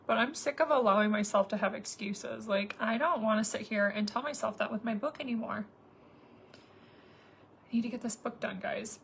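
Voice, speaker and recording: A woman's voice: a little high, normal speed, creaky, fairly bright tone, a little hiss or hum. A woman in her thirties chatting casually to viewers while doing her makeup, rambling with lots of fillers. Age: 30s. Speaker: makeup vlogger.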